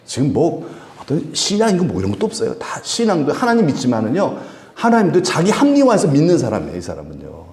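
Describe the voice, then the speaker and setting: Man, pastor, sermon, lively pitch, acts out quotes, echoey church room. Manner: animated, acts out quoted people, chuckles often. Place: church sanctuary.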